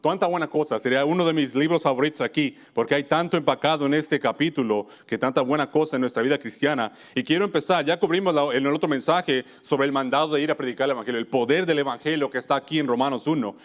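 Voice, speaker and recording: A man's voice: a little high, quick pace, few pauses. A man from Wisconsin preaching a church sermon, earnest, often stopping to restart and correct himself mid-phrase. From United States (Wisconsin).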